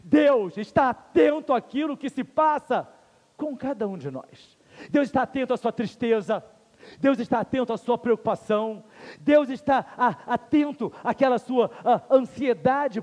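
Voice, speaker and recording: High-voiced Brazilian pastor preaching. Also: male voice, darkish tone. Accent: Brazilian Portuguese. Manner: earnest, rhetorical questions, slow emphatic repetition. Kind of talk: sermon. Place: church sanctuary. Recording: long reverb of a church hall.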